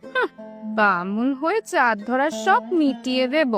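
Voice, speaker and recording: A woman's voice: sits high, sing-song, a little slow, fairly bright tone, soft background music, heavily acted. A woman voicing a scheming elder daughter-in-law in a cartoon, sly and mocking. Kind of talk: cartoon voice acting.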